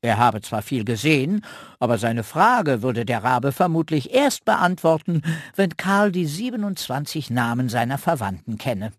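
A man reading a children's radio story aloud with slow, expressive storytelling. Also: medium pitch, dry recording, clean studio sound.

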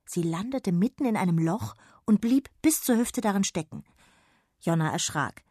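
A woman narrating a children's story in a gentle, measured way. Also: mid-range voice, animated, breathy edge, dry recording, clean studio sound. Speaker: audiobook narrator.

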